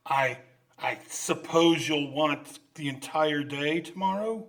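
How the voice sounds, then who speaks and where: A man's voice: on the high side, takes it slowly, a bit bright. A man playing a cold, miserly old businessman who is curt and scornful, in old-time radio drama style. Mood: grudging. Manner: curt, scornful, barking orders.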